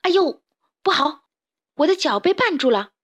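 Storybook role: a woman doing a scared little chick, high, loud, pleading. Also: animated, moderate pace, dry recording. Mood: frightened. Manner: frightened, pleading.

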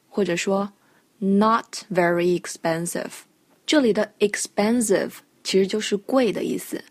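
A woman teaching English vocabulary in a podcast lesson, explaining and spelling out words patiently and clearly. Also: medium pitch, darkish tone, no echo.

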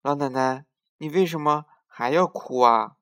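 A man voicing a kind, eager little girl in a children's story, speaking gently with a slightly raised pitch. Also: unhurried. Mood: comforting.

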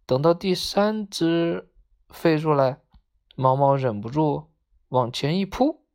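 A woman narrating a children's story in a gentle, measured way. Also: low voice, expressive.

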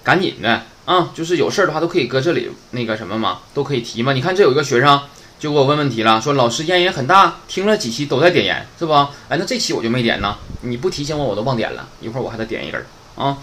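A man's voice: mid-range voice, lively intonation, rapid-fire, a bit bright. A man teaching beginner Japanese in a casual, chatty online lesson, often asking "right?".

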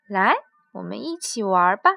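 A woman's voice: medium pitch, sing-song, a little slow, vocal fry, pushed and bright, no room sound, pitched below the performer's own voice, exaggerated voice. A woman voicing a brave, cheerful young sea explorer who reassures his friends. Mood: friendly. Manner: bold, reassuring.

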